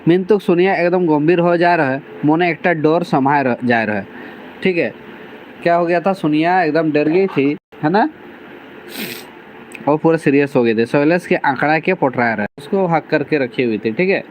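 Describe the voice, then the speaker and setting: A man's voice: on the high side, normal speed, slight background noise, low-quality recording. A man, teaching a class by reading lines from a novel and explaining each one in plain words. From Jharkhand, India. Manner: reads dialect lines aloud, then restates them plainly with many 'theek hai' fillers.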